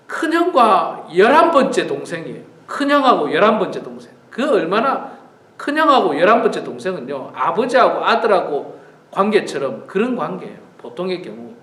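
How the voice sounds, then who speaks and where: A man's voice: high-pitched, big pitch swings, moderate pace, pushed and bright, roomy sound. A male pastor giving an earnest, emphatic morning prayer sermon, repeating key phrases. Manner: earnest, repetitive, emphatic preaching.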